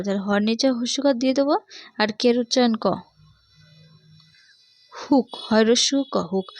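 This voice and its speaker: Bangladeshi woman, patient teacher of young kids, higher voice, dry close recording. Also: no room sound. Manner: patient, repeats each point and asks the class questions. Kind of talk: explaining an English reading lesson to young children.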